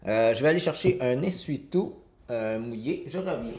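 A man's voice: medium pitch, expressive, moderate pace, a little mellow. A man in his forties from Quebec with a Québécois accent, chatting casually through a live cooking stream in his home kitchen, with many fillers, and answering viewers by name. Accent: Québécois French. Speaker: cooking livestreamer. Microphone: fixed camera on counter.

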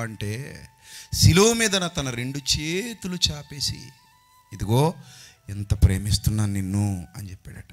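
A man preaching a sermon into a handheld microphone, impassioned, rising to loud outbursts and dropping to near-whispers. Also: on the low side.

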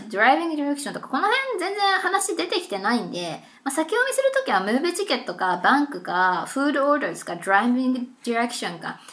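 A young woman tutoring for a test in a casual, chatty lesson, reading passages slowly. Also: on the high side, fairly bright tone. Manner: chatty, mixes Japanese and slowly read English.

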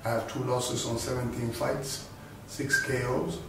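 Filmed indoors in front of a studio backdrop, a Senegalese boxer and rapper introduces himself casually to the camera. His medium-pitched voice moves a little slowly as he rambles, repeating and restarting phrases. The very echoey room is recorded from a distance, with music and background noise behind him.

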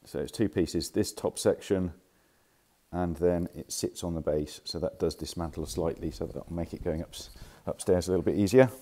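Filmed on a handheld phone, a furniture dealer gives a casual walkthrough of his stock in a warehouse, chatty and informal and sometimes correcting himself. His voice is low and mellow, with fairly even intonation at a normal speed.

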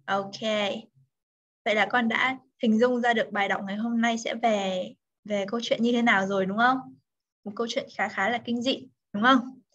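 A woman's voice: a little high, steady tone, moderate pace, fairly bright tone. A woman tutoring English over a video call, patiently correcting pronunciation word by word. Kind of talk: online English lesson, mixing Vietnamese and English. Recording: dull lo-fi video call audio.

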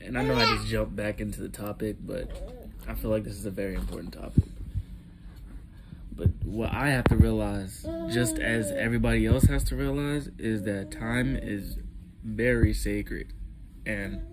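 A young man vlogging at home early in the morning, talking in a hushed, rambling, slangy way about spiritual ideas. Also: lively intonation, normal speed, vocal fry. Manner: rambling, hushed and low-key, with slangy asides. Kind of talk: casual spiritual monologue to camera. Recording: loud background noise.

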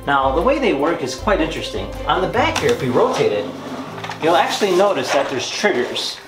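His pitch swings widely from a slightly high baseline, and he talks a little fast. He's a young man in his twenties running an excited, easygoing toy unboxing and demo, recorded in a roomy space with obvious background music.

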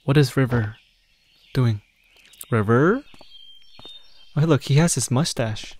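A man's voice: mid-range voice, slow, a little mellow. A young man doing casual let's play commentary, reading game dialogue aloud. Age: young adult. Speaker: gaming streamer. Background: game music.

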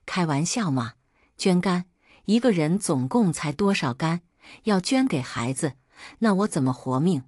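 A woman's voice: fairly low pitch, expressive, measured pace, darkish tone, dry recording, studio quality. A woman voicing a selfish young father who dismissively refuses to help, in a storybook reading.

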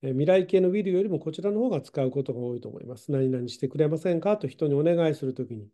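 Man, middle-aged teacher, patient grammar lesson, very dark mellow tone, slightly high voice. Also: animated, fast. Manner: patient, explanatory, with many fillers. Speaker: English teacher. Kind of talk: online English grammar lesson.

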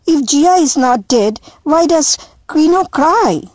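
A curious little girl asks one question after another in a raised, childlike voice, as a woman narrator puts her on. The storybook reading is unhurried. The sound is close and dry. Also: high-pitched, expressive, darkish tone, dry recording, voice pushed up.

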